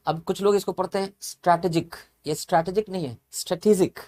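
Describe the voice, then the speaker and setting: In a classroom lecture, a man races through English vocabulary in a high, steady voice with a darkish tone. He goes step by step, spelling each word letter by letter and repeating it.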